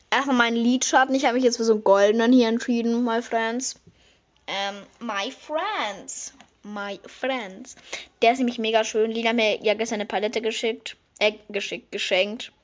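A teenage girl chatting casually while doing her makeup, sometimes breaking into high excited squeals. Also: dull audio. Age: teens. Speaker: vlogger. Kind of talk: casual makeup vlog chat.

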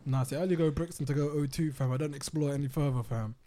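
Man, London roadman accent, fairly high voice, slangy casual podcast banter. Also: steady tone, fast, background noise. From North London. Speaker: podcast speaker.

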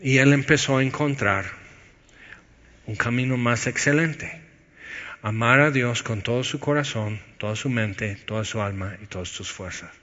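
A man preaching a sermon, moving between loud urging and hushed, low-voiced emphasis. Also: moderate pace. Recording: dull sound with long hall reverb.

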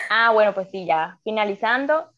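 A woman's voice: mid-range voice, fairly bright tone, highs cut off. A young woman with a coastal Colombian Spanish accent chats casually as a podcast guest, rambling and exclaiming as she goes. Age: young adult.

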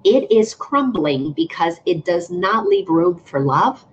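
A woman's voice: lowish voice, expressive, slow. A woman speaking as a guest spiritual teacher in casual conversation, earnest and emphatic, talking in long flowing runs over a video call. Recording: muffled lo-fi audio with faint noise.

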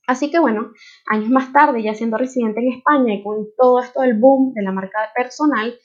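A woman's voice: on the high side, darkish tone. Venezuelan woman hosting a podcast, muffled sound. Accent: Venezuelan Spanish. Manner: earnest, personal, conversational. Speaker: podcast host. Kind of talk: podcast introduction monologue.

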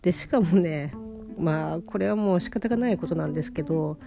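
A woman's voice: deep voice, brisk, creaky. A woman chatting casually and sleepily in a rambling audio diary, talking while lying down. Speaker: host of a personal audio diary. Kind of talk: casual monologue diary chat. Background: plucked guitar music.

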